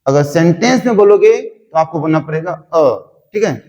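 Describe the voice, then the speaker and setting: A man's voice: a little high, lively intonation, darkish tone. A man teaching a spoken English lesson, repeating words over and over as he drills his class. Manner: slow, repetitive drilling. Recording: long hall reverb.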